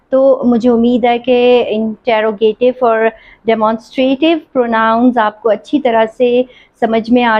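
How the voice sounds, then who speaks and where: High-voiced woman teaching English grammar. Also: a little mellow. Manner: slow, deliberate reading of English examples, quick explanations. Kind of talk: grammar lesson, reading quiz sentences aloud. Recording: dull lo-fi sound.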